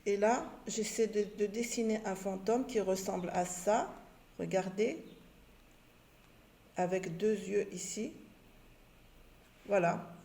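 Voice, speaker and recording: Slow, patient woman teacher. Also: mid-range voice, creaky, mellow. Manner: slow, patient, spells out syllables. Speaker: primary school teacher. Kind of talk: recorded home-learning lesson.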